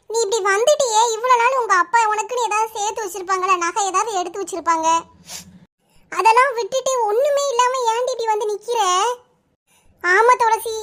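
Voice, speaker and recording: A woman voicing a caring, motherly village woman in a cartoon, sympathetic and quick to anger on another's behalf. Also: extremely high pitch, fairly bright tone. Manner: sympathetic, indignant, fussing. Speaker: elder sister figure. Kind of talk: cartoon voice acting.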